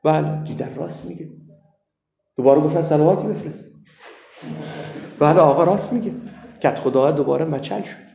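Brief: male cleric with a raised, lively voice, telling funny stories in a roomy hall. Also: a little high, gravelly, pauses often. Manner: lively, animated storytelling. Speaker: cleric and seminary teacher. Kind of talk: humorous anecdote in a talk. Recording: echoey room.

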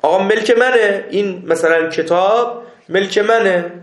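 A man teaching a seminary class, reading Arabic text slowly and explaining it step by step, often checking that his students follow. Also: sits high, reverberant. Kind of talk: classroom lecture on Islamic jurisprudence.

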